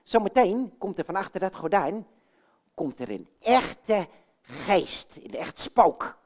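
A woman's voice: mid-range voice, big pitch swings, slow pace, darkish tone. A woman voicing a boisterous male puppet character in a children's puppet show, chatty and blustery, talking to the children. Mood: excited. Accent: Dutch. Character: Jan Klaassen, boisterous male puppet man.

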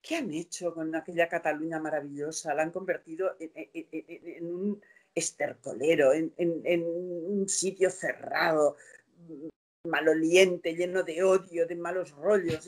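A woman's voice: on the low side, moderate pace. An older woman in her sixties, a guest on a video call interview, speaking in a passionate, indignant way full of rhetorical questions. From Spain. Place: room at home.

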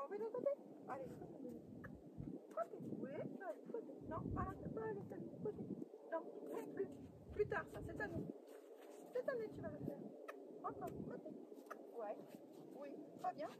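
High lively woman coaxing a horse outdoors. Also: moderate pace, long pauses, heavy background noise. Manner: coaxing, soothing, often drops to a hushed voice. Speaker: horse trainer. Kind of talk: coaching a horse at liberty with short commands. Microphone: camera mic at a distance.

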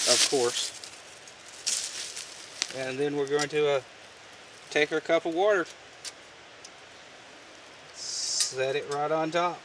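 A man casually showing a homemade camp stove outdoors, talking in a relaxed, folksy way with many fillers. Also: medium pitch, distant mic, slight background noise. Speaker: outdoor gear vlogger. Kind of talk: casual how-to demonstration. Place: outdoors on the ground, off camera.

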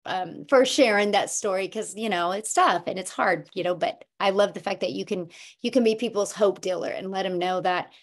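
A woman hosting a live online session who speaks in an upbeat, encouraging way and talks quickly. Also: medium pitch. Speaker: host.

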